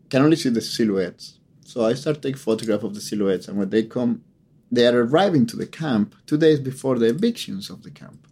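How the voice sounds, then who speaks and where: A man with a low, dark and mellow voice speaks as a photographer in an interview. He tells a grave personal story in a halting way, often repeating words as he searches for the phrasing.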